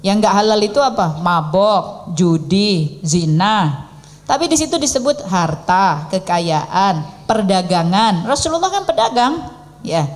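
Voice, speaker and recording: A middle-aged woman giving a religious lecture, animated, acting out pleading prayers as she teaches. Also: mid-range voice, measured pace. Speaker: preacher.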